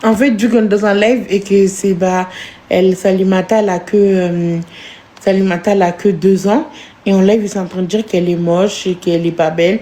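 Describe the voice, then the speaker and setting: A woman live streaming in casual chat, cooing doting baby talk and breaking into wailing, sob-like high notes. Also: steady tone, fairly quick, mellow, echoey room.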